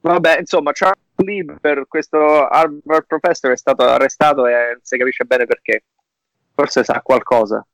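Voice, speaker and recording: A man's voice: medium pitch, steady tone, moderate pace, gravelly, fairly bright tone, no echo, low-quality recording. A man, chatting casually as a podcast host in an emphatic, slangy way with English words mixed in. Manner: emphatic, slangy, mixing English phrases into his talk. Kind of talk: casual chat, joking commentary.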